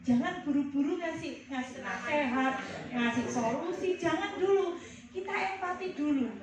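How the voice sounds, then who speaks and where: Heard from a distant mic in an echoey hall, a woman leads a counseling workshop, asking her audience questions as she explains. Her high-pitched voice moves at normal speed, with a crowd and other noise behind her.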